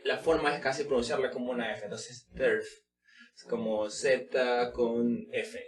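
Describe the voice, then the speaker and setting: A man's voice: a little high, far from the mic. Echoey man explaining at length. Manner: explains slowly with many fillers, repeating English words. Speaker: English pronunciation teacher. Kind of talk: informal spoken lesson.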